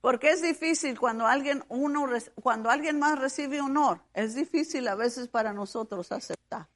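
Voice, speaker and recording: A woman's voice: sits high, normal speed. A woman preaching a sermon with fervor, stretching words and calling out hallelujahs. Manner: fervent, breaks into hallelujahs and shouted phrases.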